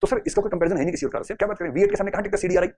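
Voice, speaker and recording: A man teaching a psychology class, playful and quick, acting out little scenes in voices. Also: high voice, a little mellow. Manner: fast, playful, acts out examples in voices. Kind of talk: classroom lecture mixing Hindi and English.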